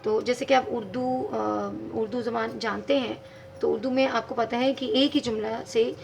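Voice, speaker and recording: A woman's voice: on the high side, fairly even intonation, normal speed, creaky, darkish tone, faint music behind. A woman teaching English grammar in a video lesson, patiently explaining step by step and spelling words out letter by letter.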